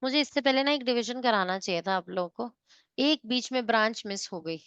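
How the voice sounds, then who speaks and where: High-voiced woman teaching class. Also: a little fast, a bit bright, clean tone, no room sound. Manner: mixes Hindi and English, checks students often. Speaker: science teacher. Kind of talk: online class lecture.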